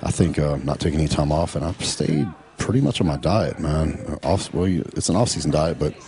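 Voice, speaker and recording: Middle-aged man, rumbling bass voice, relaxed voice-over talk peppered with "uh" and "you know". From Texas. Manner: laid-back, drawn-out with many fillers. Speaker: professional bodybuilder. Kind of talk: casual voice-over narration.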